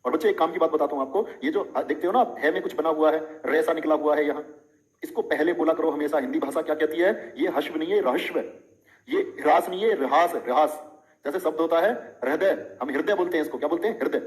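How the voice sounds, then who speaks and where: A middle-aged man leads a live online lesson, talking to his students in a chatty, teasing way. He keeps tossing out questions and playful examples. His voice sits slightly higher than most men's. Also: fast talker, rough recording. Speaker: teacher.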